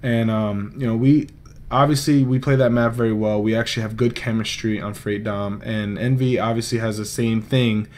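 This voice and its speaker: A man's voice: lowish voice, fairly even intonation, normal speed, a little mellow. A young man hosting his own vlog, recapping a gaming tournament in a chatty, rambling, joking way. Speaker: esports player and vlog host.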